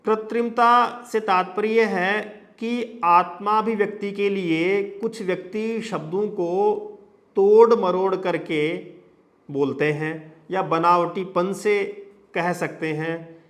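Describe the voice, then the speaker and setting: A man's voice: high voice, steady tone, slow pace, fairly bright tone. A man teaching a lesson on sound change, explaining step by step through long lists of examples and frequent tag questions. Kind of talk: lecture on phonetics.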